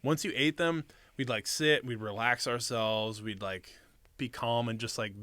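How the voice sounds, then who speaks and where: Male interview guest, mid-pitched, loose and rambling storyteller with profane slang, recorded dry. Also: a little slow, pushed and bright, no room sound. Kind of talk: casual chat, storytelling.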